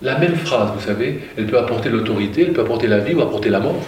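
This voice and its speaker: A man's voice: medium pitch, lively intonation, rapid-fire, a little mellow, a little hiss or hum. A man preaching a sermon, reading scripture aloud and commenting with questions to his listeners. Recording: roomy, from far off, faint ambience.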